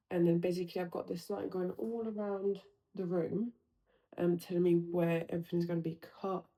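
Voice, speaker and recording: Chatty woman, lowish voice. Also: gravelly, warm tone, poor audio. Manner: chatty, filler-heavy, explains step by step. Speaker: home renovation vlogger. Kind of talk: casual DIY home vlog. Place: room in her house under renovation, indoors.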